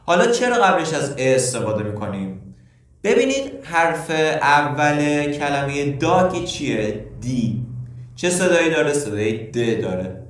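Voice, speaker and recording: A man's voice: fairly high pitch, expressive. Echoey man teaching grammar. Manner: explains step by step with questions to the learner. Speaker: English teacher. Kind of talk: grammar lesson. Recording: very echoey room, distant mic.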